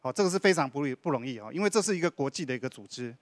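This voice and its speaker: A man's voice: mid-range voice, lively intonation, very fast, no echo. A man, a county official answering on a panel, explaining at length with many sentence particles. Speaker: deputy director of a county culture and tourism bureau.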